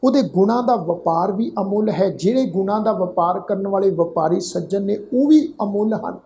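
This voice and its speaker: Male scripture pronunciation teacher, gravelly voice, spells out letters and marks and models each word slowly; faint noise behind. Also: high voice, dark tone. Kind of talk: slow line-by-line scripture pronunciation lesson.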